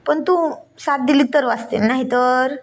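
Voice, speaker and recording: A woman's voice: sits high, steady tone, unhurried. A woman voicing an affectionate, teasing young husband in a read-aloud story, coaxing and playful in manner.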